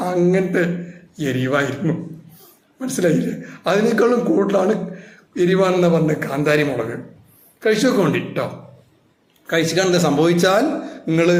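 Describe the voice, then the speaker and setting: A man teaching a spoken English class, telling a story playfully and asking his students rhetorical questions. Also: a little high. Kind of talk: storytelling grammar lesson. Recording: echoey room with faint noise.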